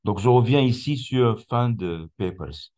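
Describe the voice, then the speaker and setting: A man presenting a screen-recorded software tutorial, explaining step by step with many hesitations and restarts. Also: on the low side, expressive, measured pace. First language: not English; speaks French.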